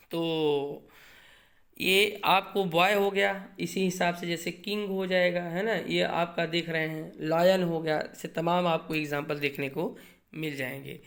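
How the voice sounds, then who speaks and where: A man's voice: a little high, fairly bright tone. A man teaching English grammar in a lecture style. He keeps asking rhetorical questions and answering them himself, checks in with his listeners and repeats key points for exams. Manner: mixes English grammar terms into Hindi.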